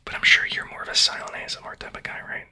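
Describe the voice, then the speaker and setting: An ASMR creator, a man, whispers breathily and very fast, rambling casually to his viewers and repeating short phrases over and over.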